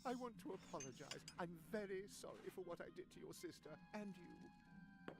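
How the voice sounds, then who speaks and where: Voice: mid-range voice, expressive, moderate pace, gravelly. An actor playing a dramatic undead creature in a comic fantasy video game, speaking theatrically. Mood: contrite. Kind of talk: video game character acting. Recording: game music behind the voice.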